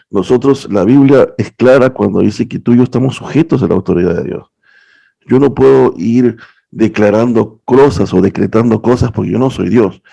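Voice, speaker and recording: A man's voice: medium pitch, vocal fry, dark tone. A young man teaching a class on interpreting the Bible, earnest and explanatory, often checking in with a rhetorical question. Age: young adult. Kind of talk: lecture on biblical interpretation.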